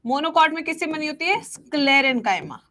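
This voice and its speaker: A young woman teaches biology for an exam in a mix of Hindi and English, slowly dictating table entries before breaking into quick asides to her students. Her high voice is animated and bright, with a forceful tone.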